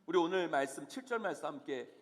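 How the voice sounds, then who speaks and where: A man's voice: a little high, animated, fast talker. A male senior pastor preaching a sermon in a church sanctuary, earnest and emphatic, with many questions to the congregation. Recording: long reverb of a church hall.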